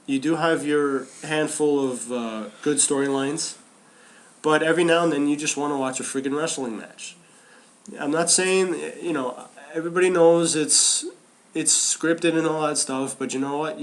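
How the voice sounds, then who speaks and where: A man co-hosting a podcast, talking casually and animatedly about wrestling, often restarting and repeating phrases. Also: a little high. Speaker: podcast co-host.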